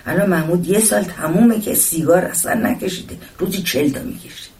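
A nosy middle-aged housewife chatters on without pause, as a man reading a story puts her on. Her voice sits high above a plain male register and runs quick and fussing. The whole reading sounds set back from the microphone. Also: a little mellow, lightly acted. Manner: talkative, rushing on, fond endearments. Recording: voice distant from the mic.

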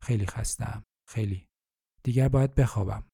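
A worn-out old elf king murmurs in a dark, mellow voice, each word sounding tired and soft. A man reads him out in a storybook. The sound is dry and close, with no room around it. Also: mid-range voice, no echo, natural voice. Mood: weary. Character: old ailing male elf king, weary.

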